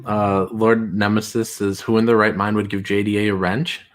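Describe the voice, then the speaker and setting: A man hosting a casual livestream, reading chat aloud in a rambling, halting way with many fillers. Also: lowish voice, little pitch movement.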